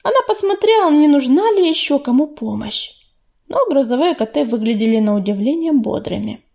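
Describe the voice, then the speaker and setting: A woman reading an audiobook in soft, even scripted narration. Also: high voice, a little fast, gravelly.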